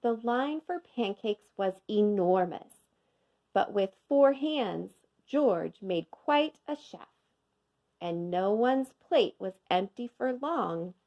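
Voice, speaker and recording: Slow, animated woman reading a storybook. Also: mid-range voice, lo-fi sound. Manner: expressive, measured storytelling for young children. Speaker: kindergarten teacher reading aloud. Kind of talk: scripted children's storybook narration.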